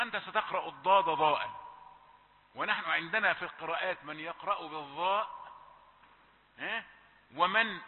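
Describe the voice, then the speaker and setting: High-voiced recitation teacher, tinny hall. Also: male voice. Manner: corrective, demonstrates pronunciation, drawn-out chanting of verses. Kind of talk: recitation lesson. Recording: tinny phone-like, long hall reverb.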